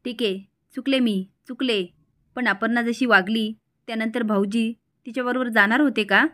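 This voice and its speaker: A woman voicing a scheming, sharp-tongued woman who speaks defiantly and justifies herself, in a serial recap. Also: on the high side, steady tone, normal speed.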